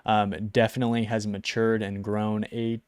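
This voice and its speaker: A young man with a smooth, fairly low voice talks off the cuff, filling pauses with ums and likes as he ranks players. The sound is close and dry, with no room around it. His tone is loose and conversational, as if he were chatting to viewers from his desk. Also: no room sound. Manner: relaxed, rambling, frequent ums and likes. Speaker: esports commentator ranking players. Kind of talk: casual talking-head video.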